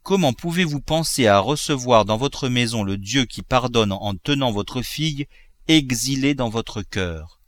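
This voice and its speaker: A man's voice: medium pitch, expressive, a little slow, no room sound, close to an everyday voice. A male narrator voicing a pious, pleading old wife. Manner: emotional, pleading. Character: pious, timid older wife pleading for mercy.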